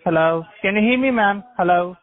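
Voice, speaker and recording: A man speaking over a tinny phone line, his voice pitched high. He keeps asking whether the other end can hear him. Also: a little fast. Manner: repeatedly checking he can be heard. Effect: heard over a phone line. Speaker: phone caller.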